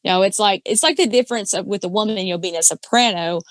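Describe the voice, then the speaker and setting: Guesting on a podcast, this woman karaoke singer and judge explains singing in a relaxed chat, stumbling through fillers and false starts. Her low alto moves at a quick pace with no echo.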